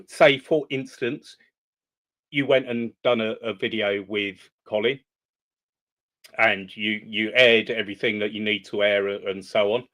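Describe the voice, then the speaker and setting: A man hosting a reaction video, speaking in a measured, hesitant way with frequent pauses and ums. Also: mid-range voice, a bit bright. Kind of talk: commentary on a played video.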